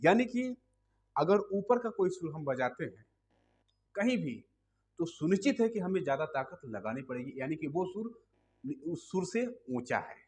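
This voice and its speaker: A man's voice: on the high side, sing-song, normal speed, darkish tone. A man teaching a music lesson, explaining patiently step by step and asking listeners to hum along.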